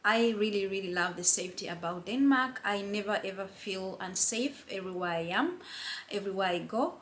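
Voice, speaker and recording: A woman's voice: mid-range voice, a little fast, fairly bright tone, a little hiss or hum. A middle-aged woman from Uganda, chatting casually and earnestly to camera as a friendly vlogger. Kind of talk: casual vlog chat to camera.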